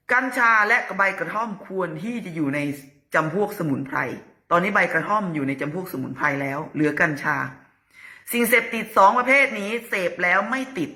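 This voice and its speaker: A woman's voice: lowish voice, pushed and bright. A woman hosting her own channel, chatting through the news in a casual, opinionated way and asking pointed questions. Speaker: political news commentator.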